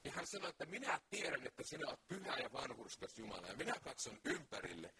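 Male preacher, emphatic, bright tense voice with a wide swinging pitch. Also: sing-song, husky. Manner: emphatic, rhetorical questions. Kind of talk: sermon.

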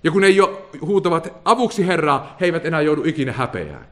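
A man's voice: on the high side, big pitch swings, fairly bright tone. A man preaching a sermon, asking his listeners rhetorical questions and laughing now and then as he explains.

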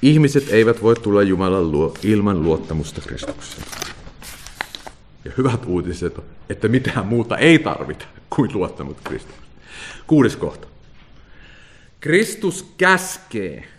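A man's voice: on the low side, very animated, darkish tone, a little hiss or hum. A man preaching a sermon, asking his listeners rhetorical questions and laughing now and then as he explains.

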